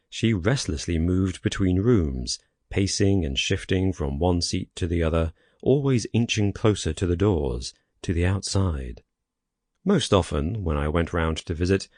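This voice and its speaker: A man narrating a first-person horror story in a measured way, with wry asides. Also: deep voice, darkish tone, no echo, clean studio sound. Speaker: audiobook narrator.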